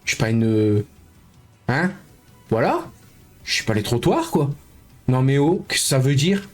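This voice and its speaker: A man live streaming, chatting casually with his viewers, joking in mock indignation and sometimes turning low and downbeat. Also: very animated, unhurried, faint music behind. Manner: talkative, jokey mock-indignation, mumbling and downbeat at times.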